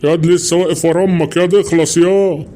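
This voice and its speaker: A man voicing a gruff, quick-tempered middle-aged Egyptian father in a cartoon, grumbling and scolding his son in an Egyptian Arabic accent. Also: a little high, steady tone, mellow, natural voice. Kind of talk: cartoon voice acting.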